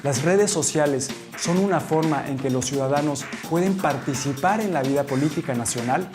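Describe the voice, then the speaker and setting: A man reading a scripted explanatory voice-over in a measured, formal manner. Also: a little high. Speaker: voice-over narrator. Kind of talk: scripted narration. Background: music.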